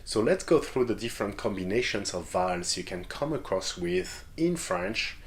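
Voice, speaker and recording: A man's voice: lowish voice, big pitch swings, normal speed. A man teaching a beginners' pronunciation lesson in an instructional way, often checking in with his listeners. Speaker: French language teacher.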